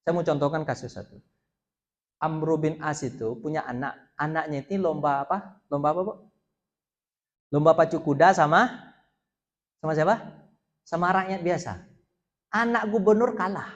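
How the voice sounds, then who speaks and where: A man's voice: fairly high pitch, normal speed, pauses often, muffled recording. A man giving an informal religious lecture to a group of women, chatty and often asking them questions. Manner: chatty, asks the audience questions, acts out stories. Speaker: Islamic preacher.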